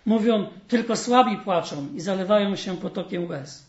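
A frail, lonely spirit of sorrow from a spoken fable, as a man voices him, who sighs and pleads his case plaintively. The voice runs high. The space echoes, and the sound is dull. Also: moderate pace. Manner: plaintive, sighing complaint. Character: weary, shrunken male Sadness, lonely and misunderstood.

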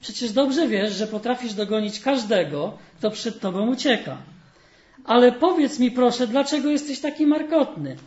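A man voicing a tiny, cheerful old woman who asks questions gently and warmly, in a fable read from the pulpit. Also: very high-pitched, expressive, moderate pace, roomy sound, dull audio, voice pushed up. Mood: gentle, kindly. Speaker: storyteller.

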